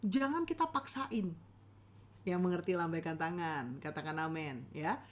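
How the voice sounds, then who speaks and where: A woman teaching a church lesson on preaching. She talks in a lively, animated way and keeps calling on her audience to respond. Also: on the low side, unhurried.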